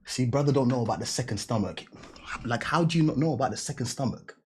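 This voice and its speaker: A man, from Denmark, telling a trip story to camera in a slangy, animated way. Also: medium pitch, fast talker, slight background noise. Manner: slangy, animated, laughing often. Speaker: vlogger.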